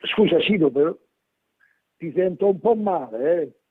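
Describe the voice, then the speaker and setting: A man's voice: fairly high pitch, expressive, unhurried, slightly rough. A man calling in to a sports phone-in show over a poor phone connection, hesitant and checking whether he can be heard. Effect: tinny poor phone-line connection. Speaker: radio call-in caller. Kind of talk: casual call-in chat about football.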